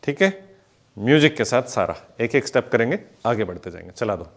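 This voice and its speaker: A man teaching an online dance class, talking through the steps slowly and calling out the counts over the music. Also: medium pitch, lively intonation, very noisy. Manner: explains steps slowly, chatty asides. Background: music playing.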